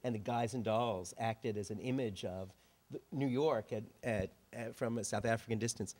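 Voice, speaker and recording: A man's voice: lowish voice, moderate pace, a little mellow. A man from Canada moderates a panel of writers. He speaks articulately, with an occasional repeated word. His voice comes through a handheld microphone in a large auditorium. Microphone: handheld mic.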